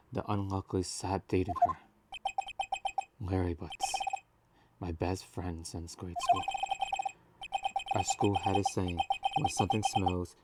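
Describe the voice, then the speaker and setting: A man's voice: sits low, very noisy. A man reading video game narration aloud as an amateur player. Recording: loud music under voice.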